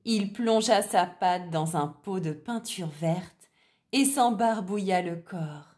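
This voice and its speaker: A woman reading a children's story aloud in a gentle, deliberate way. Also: medium pitch.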